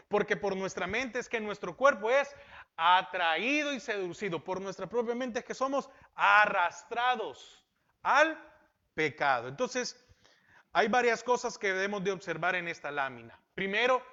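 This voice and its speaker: A man's voice: sits high, sharp tone. A male pastor teaching a Bible sermon, asking rhetorical questions and repeating key phrases. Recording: dull lo-fi sound.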